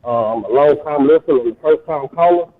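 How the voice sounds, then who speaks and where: A man's voice: a little high, brisk. A man phoning in to a radio talk show on a distant speakerphone, chatting casually and informally with some hesitant fillers. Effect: distant speakerphone on a phone line. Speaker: radio call-in caller. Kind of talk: casual call-in chat. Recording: tinny phone line on speakerphone.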